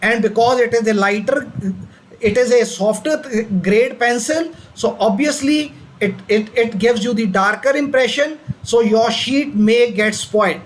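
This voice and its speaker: A man's voice: very high voice, unhurried, a little hiss or hum. A man giving an engineering lecture, explaining step by step and asking questions he then answers. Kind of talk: classroom lecture on drawing instruments.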